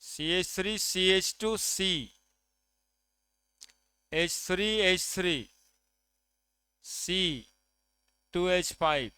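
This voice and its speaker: A man's voice: high-pitched, very slow, pauses often, sharp tone, clean tone, no room sound. A man from India teaching a chemistry class, counting atoms aloud and checking with his students. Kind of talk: classroom lecture.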